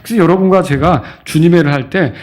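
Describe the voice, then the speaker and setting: A middle-aged man preaching a sermon as pastor, acting out quoted voices and shouting at the high points. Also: fast talker.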